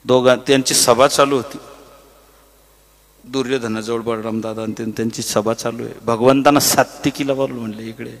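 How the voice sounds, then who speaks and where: A man's voice: mid-range voice, brisk, long reverb tail. A man preaching a devotional kirtan in speech, telling a story animatedly, acting out its characters and breaking into sung verses. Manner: animated, acts out characters' voices, bursts into sung chant.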